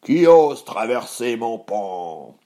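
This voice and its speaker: A man voicing a hungry, dim-witted storybook troll with slow, drawn-out growling. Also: mid-range voice, sing-song, mellow. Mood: menacing.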